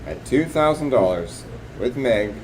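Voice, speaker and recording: A man's voice: mid-range voice, expressive, a little slow, darkish tone, a little hiss or hum. A man working as a live auctioneer, calling bids and increments in repetitive, clipped patter.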